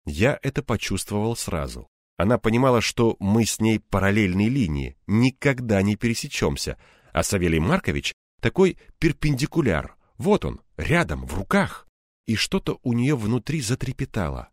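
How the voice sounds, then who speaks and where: A man's voice: lowish voice, very animated, normal speed, no echo, studio quality. A man reading a first-person audiobook narration with wry, ironic asides.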